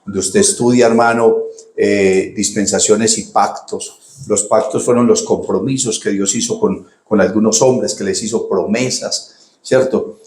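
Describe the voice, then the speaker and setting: A man with a Colombian accent preaching a sermon as a pastor. He talks conversationally, calls listeners "hermano", asks "¿cierto?" to check they follow, and jumps high and loud when he acts out quoted cries. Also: steady tone, a little slow. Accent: Colombian Spanish. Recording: roomy, echoey sound.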